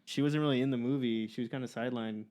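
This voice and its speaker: A man co-hosts a film podcast in a casual chat. His voice is smooth and clear, and he talks in an easygoing, good-humored way. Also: medium pitch, fairly even intonation, fast, darkish tone. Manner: easygoing, laughs often. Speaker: podcast co-host.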